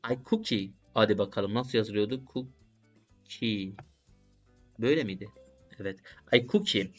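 A man's voice: on the low side, animated, fairly quick. Guy talking to himself while he studies, repeats words over and over, kinda dull lo-fi sound, faint music under it. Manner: repeats phrases aloud, mutters to himself while studying. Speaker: language learner vlogger. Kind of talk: casual think-aloud study vlog.

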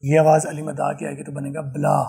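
A man's voice: on the high side, monotone, brisk, gravelly, mellow, breathy edge. A male spoken English teacher giving an online pronunciation lesson, repeating each word several times and speaking directly and patiently to viewers. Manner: drills words by repeating them several times.

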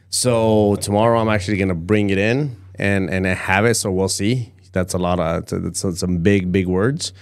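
A man's voice: deep voice, steady tone, normal speed. A man in his forties hosting a casual livestream on a close studio mic, often repeating words and phrases. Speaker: host of a livestream show. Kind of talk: casual livestream chat and sign-off. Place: acoustically padded studio, indoors. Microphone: close podcast microphone.

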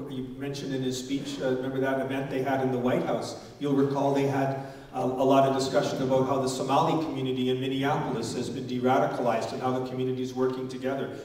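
A man's voice: medium pitch, darkish tone. A middle-aged man speaking earnestly and emphatically at a public forum, often restarting his sentences. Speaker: panelist at a public consultation. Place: large church hall. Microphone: stand mic, filmed by a far camera. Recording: echoey hall, voice picked up from far off, faint noise.

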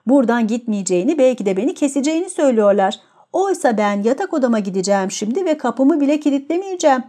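A woman voices a proud, capricious young woman who mocks and scorns her suitor. Her high, mellow voice moves fast and swings widely in pitch, with a scornful, mocking edge.

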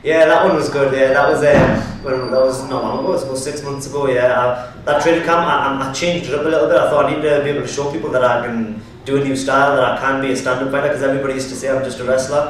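A man's voice: mid-range voice, fairly even intonation, rapid-fire, hardly any pauses, very echoey, recorded from a distance, slight background noise, low-quality recording. Hesitant young man. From born in Bangladesh, raised in England. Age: 20s. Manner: hesitant, with many ums. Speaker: mixed martial arts fighter. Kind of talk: interview answers. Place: indoor gym.

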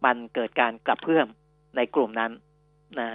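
A man co-hosting a finance radio talk show, explaining policy in a measured way with many fillers. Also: medium pitch, dry recording. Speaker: radio co-host. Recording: dry, phone-like narrow band.

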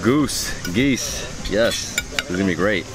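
A man's voice: lowish voice, expressive, slow pace, noisy background. A man in his thirties vlogging about food at an outdoor terrace, talking to a camera held at arm's length and savoring each bite with enthusiastic murmurs. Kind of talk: casual food vlog narration. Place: outdoor restaurant terrace under a vine pergola.

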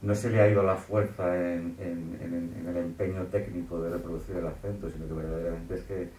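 Man interviewing, low flat voice, heard from a distance in an echoey room with faint ambience. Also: a little fast, slight background noise. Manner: searching, hesitant questions. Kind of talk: conversational interview.

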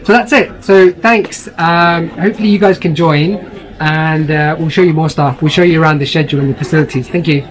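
A man's voice: a little high, fairly even intonation, fairly quick, poor audio. A man, hosting a vlog and talking eagerly with fillers. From London. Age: 30s. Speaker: vlog host. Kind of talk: casual vlog talk.

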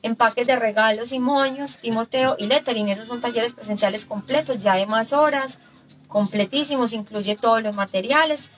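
A woman's voice: fairly high pitch, moderate pace, low-quality recording. A woman hosting a casual craft tutorial, upbeat and announcing workshops and dates. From Colombia. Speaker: craft shop host.

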